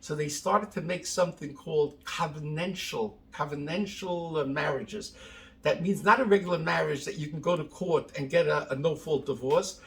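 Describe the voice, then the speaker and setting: A man's voice: a little high, moderate pace. A middle-aged man, a rabbi, lecturing emphatically and repeating phrases for stress, with Hebrew and Yiddish terms mixed in. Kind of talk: lecture to an audience.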